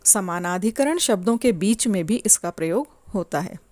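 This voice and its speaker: A woman teaching a grammar lesson to children in a slow, deliberate, clearly paced way. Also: medium pitch, animated, darkish tone, dry recording.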